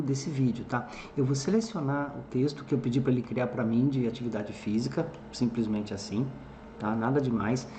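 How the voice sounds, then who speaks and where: An English teacher narrates a screen-recorded tutorial in a mellow, slightly high voice. He explains things step by step, often checking in with "tá?", and the echoey room carries faint background noise.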